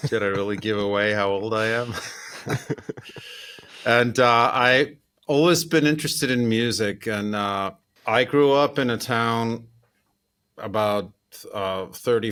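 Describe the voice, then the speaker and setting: Guest composer, man in his 50s from Iceland, lower voice, easy and chatty. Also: clean tone. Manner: relaxed, chatty, laughs often, many fillers. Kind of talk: casual interview chat.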